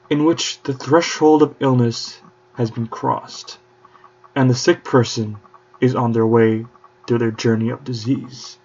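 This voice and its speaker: This podcast host is a young man whose medium-pitched voice is a little mellow and slightly rough. His delivery is mock-courtly, theatrical and grandiose, full of playful archaic touches, captured on a dull lo-fi recording.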